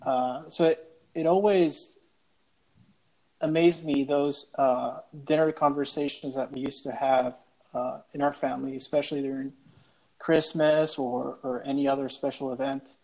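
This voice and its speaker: A man's voice: mid-range voice, steady tone, measured pace, gravelly, dark tone, low-quality recording. A young man from El Salvador, a cardiology fellow, answering interview questions casually with many fillers and restarts. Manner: hesitant, many uh fillers and repeated words. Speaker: guest cardiologist.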